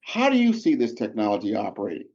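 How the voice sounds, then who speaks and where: A man hosting a podcast interview, talking in an animated, rambling way. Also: on the low side, quick pace, creaky, muffled recording. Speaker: podcast host. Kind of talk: conversational interview.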